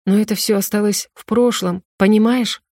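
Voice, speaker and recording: A woman reading the part of an agitated young man who pleads with and lectures his girlfriend in a slow, insistent way, in an audiobook. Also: mid-range voice, fairly even intonation, a little mellow, dry recording, studio quality, lightly acted.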